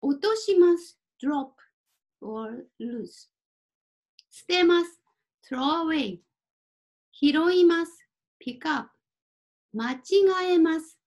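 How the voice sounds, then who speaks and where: A woman teaching Japanese, reading vocabulary words one at a time and clearly pronouncing each for learners to repeat. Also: very high-pitched, lively intonation, a little mellow, low-quality recording. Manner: clear deliberate word-by-word pronunciation. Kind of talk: slow vocabulary drill lesson.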